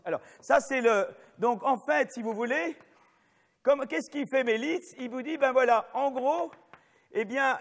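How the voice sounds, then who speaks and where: A middle-aged male professor lectures with a fairly high voice. He talks off the cuff, restarting sentences, checking that listeners follow, and slipping in wry asides about himself. The sound carries a long reverb from the hall. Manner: digressive, many restarts and asides, checks in with "vous voyez"; jokey, self-mocking asides. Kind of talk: spontaneous university lecture.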